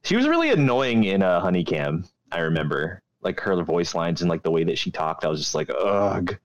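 A fairly low-voiced man bantering in casual podcast chat, crude and joking. His pitch swings a lot as he talks, and his delivery stays animated throughout. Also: fairly quick, muffled recording. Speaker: podcast co-host.

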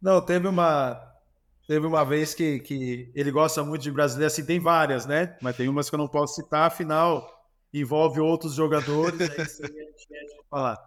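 A Brazilian man in his forties, a former goalkeeper, tells lively stories as a guest in an interview, with a Brazilian Portuguese accent. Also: on the high side, normal speed. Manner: animated, lively storytelling with acted dialogue. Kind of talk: storytelling interview answers.

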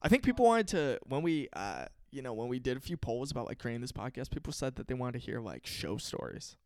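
A man's voice: mid-range voice, very animated, fast talker. A young man co-hosting a comedy podcast, telling family stories in loose, teasing banter with casual swearing. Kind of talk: casual storytelling chat.

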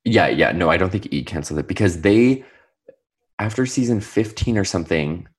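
A man's voice: low-pitched, animated, brisk, slightly rough. A man co-hosting a podcast in casual pop-culture chat, full of "like" fillers and wry asides. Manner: chatty gossip with many "like" fillers and wry asides. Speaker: podcast co-host.

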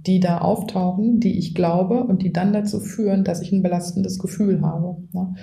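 A woman's voice: fairly low pitch, steady tone, moderate pace, vocal fry, mellow, echoey room. A woman coach, a guest in a podcast interview, who explains at length and often adds a tag question. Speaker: coach and trainer.

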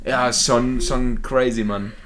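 A man's voice: medium pitch, fairly even intonation, unhurried, loud music behind the voice. A young man hosting a casual podcast chat, jokey and slangy, mixing in English words. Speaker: podcast co-host.

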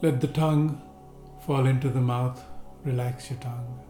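A man guiding a seated relaxation and breathing meditation, giving slow, calm, gentle instructions with long pauses. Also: medium pitch. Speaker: meditation guide. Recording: roomy echo with faint music.

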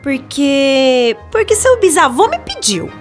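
A shrill, overeager teenage girl who won't take no for an answer, as a woman acts her out in a dramatized book reading. Her voice is high and swings wildly, pushy and clingy. Soft music plays faintly underneath. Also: very animated, slow pace, exaggerated voice. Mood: eager, insistent. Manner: insistent, clingy, blurts things out.

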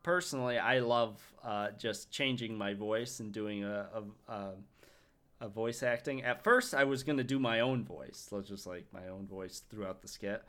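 A man's voice: fairly low pitch, moderate pace, a bit bright. A young man co-hosting a podcast in casual chat, laughing often and swearing freely. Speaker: podcast co-host.

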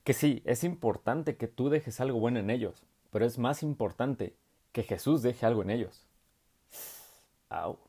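A young man with a Mexican Spanish accent giving a casual, slangy youth sermon, animated and quick to laugh. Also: mid-range voice, slightly rough. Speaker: youth preacher.

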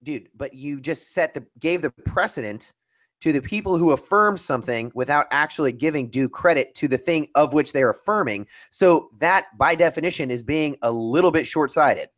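A man's voice: a little high, moderate pace, fairly bright tone. Emphatic man arguing in casual debate. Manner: emphatic, argumentative, restarts mid-thought.

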